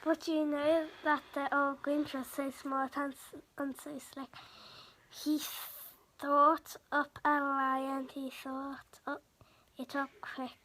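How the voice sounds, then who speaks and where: Here the storybook reader is a high-pitched woman whose flat delivery sounds pushed and bright. As the podcast host, she trips over words and repeats some, and the recording is rough.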